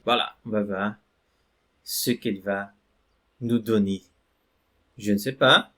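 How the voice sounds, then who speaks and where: In an online language lesson, a man whose first language is Portuguese teaches French slowly, his voice on the low side with fairly even intonation and a sharp tone. He reads screen text aloud as he explains and keeps checking in with "d'accord?" and "voilà."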